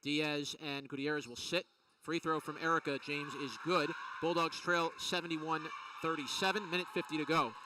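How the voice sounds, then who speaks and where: Excited high-voiced play-by-play man. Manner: rapid, excited calls of each play. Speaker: play-by-play announcer. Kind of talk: live basketball play-by-play. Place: college gym. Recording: distant mic with faint gym noise.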